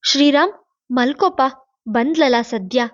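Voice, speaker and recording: A woman's voice: high-pitched, sing-song, normal speed, a little mellow, voice pushed up. A woman voicing a sleepy, worried widowed mother who frets and complains, in a storybook reading. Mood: fretful. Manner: fretful, complaining. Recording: dull lo-fi, dry.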